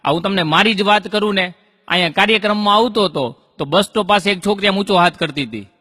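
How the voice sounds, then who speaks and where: A man's voice: high-pitched, quick pace, bright, forceful tone, in a large hall. A man doing folk stand-up comedy, telling stories with punchlines and rhyming couplets.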